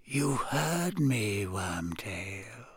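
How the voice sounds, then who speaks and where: A cold, inhuman dark lord from a storybook. His delivery is very slow and drawn out, coolly commanding and full of menace. The recording is close and dry. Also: high voice, animated, no echo, voice pushed up, full character voice. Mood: whispered menace. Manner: slow, drawn-out, coolly imperious, sometimes whispering. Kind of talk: dramatic audiobook character reading.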